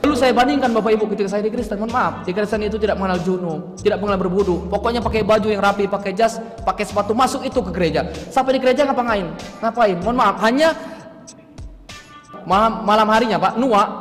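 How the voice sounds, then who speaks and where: A man giving a religious lecture to an audience, asking rhetorical questions and addressing them as ladies and gentlemen. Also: high-pitched, big-room sound. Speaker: preacher.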